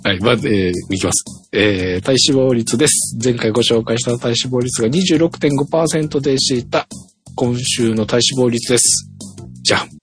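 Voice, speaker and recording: A man's voice: medium pitch, moderate pace, faint music behind. A man casually reading out his diet results on a chat podcast, laughing at himself, with a light lilt. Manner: reads out numbers with little drumroll cues, laughs at himself.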